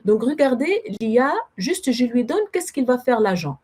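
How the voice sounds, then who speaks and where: Woman webinar trainer, slightly high and husky, accented French, live demo with typing. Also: sing-song, moderate pace, mellow. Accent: non-native French. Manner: explanatory, addresses audience as friends, self-corrects.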